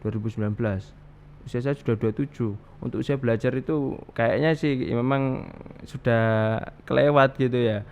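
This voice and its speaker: Talking at normal speed with a medium-pitched, slightly mellow voice and fairly even intonation, a man in his 30s tells his life story at length as a guest in a casual interview. He restarts frequently and uses many fillers, and the studio recording sounds dull and a little noisy.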